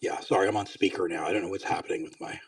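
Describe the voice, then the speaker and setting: A man talking casually over a phone on speakerphone, low-key and joking about his own audio trouble. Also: steady tone, racing, vocal fry, dry recording. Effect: heard over a phone on speakerphone. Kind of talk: casual conversation. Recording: distant, dry phone speaker.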